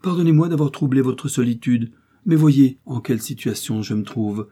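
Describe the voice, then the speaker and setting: A man's voice: mid-range voice, normal speed, warm tone, slightly rough, voice pushed up, close to an everyday voice. A man voicing a charming young woman who pleads and teases playfully. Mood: coaxing. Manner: coaxing, pleading, teasing.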